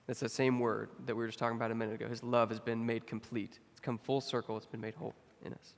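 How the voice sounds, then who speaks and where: A young man giving a sermon as a pastor, talking casually with many fillers and getting animated when he tells stories. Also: mid-range voice, fast talker, vocal fry. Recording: long hall reverb.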